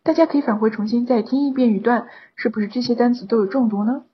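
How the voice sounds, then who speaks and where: A woman's voice: on the high side, quick pace, husky, lo-fi sound. A woman teacher giving a methodical video lesson, explaining terms step by step. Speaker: online exam-prep teacher.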